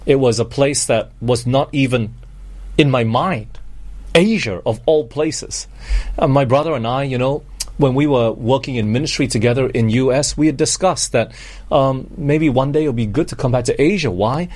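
A middle-aged man from Malaysia preaching a sermon, earnest, slowing down on scripture and asking the congregation rhetorical questions. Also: mid-range voice, a little mellow. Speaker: pastor.

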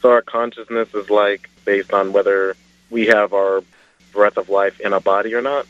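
A man's voice: fairly low pitch, fairly even intonation, moderate pace, no room sound. A man calling in to a radio show over a phone line, asking his question hesitantly and searching for words with many fillers. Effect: caller heard over a phone line.

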